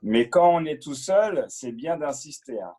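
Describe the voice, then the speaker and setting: A man patiently explaining a Buddhist prayer as interpreter and teacher, in a halting way with many fillers and repeated words. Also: on the high side, lively intonation, warm tone.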